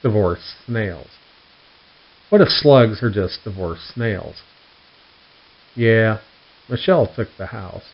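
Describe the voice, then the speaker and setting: A man's voice: fairly low pitch, slow pace, gravelly, long pauses. A man reading out puns and telling dad jokes, setting each one up and then giving the punchline. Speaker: host of a joke newsletter read aloud. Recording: dull, lo-fi sound.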